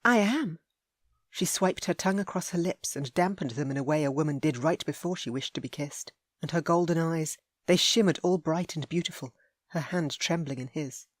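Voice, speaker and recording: Low-voiced woman reading a romance. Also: fairly quick, no echo, studio quality. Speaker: audiobook narrator. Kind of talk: scripted romance narration.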